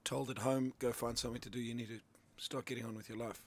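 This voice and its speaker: This is a middle-aged sales coach from Zimbabwe, speaking as a guest in a radio studio. His mid-range voice has a flat delivery and a quick pace as he explains his ideas in a loose, conversational way with plenty of restarts.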